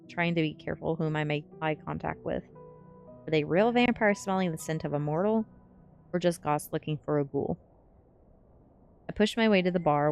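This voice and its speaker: Her voice sits low, gravelly and slightly mellow, as this woman streamer reads a gothic teen tale aloud audiobook-style. Faint music plays behind the recording.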